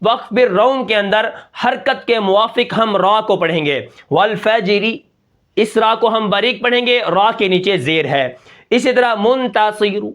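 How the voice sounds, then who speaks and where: A man's voice: sits high, a bit bright. A man teaching Quran recitation rules, explaining patiently and asking and answering his own questions as he goes. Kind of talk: tajweed lesson.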